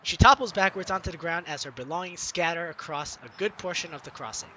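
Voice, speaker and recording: Animated and theatrical, this man hosts a let's play as a gaming video host, reading the game text aloud and remarking on it. His voice is a little high and a little fast, with game music behind it and slight background noise.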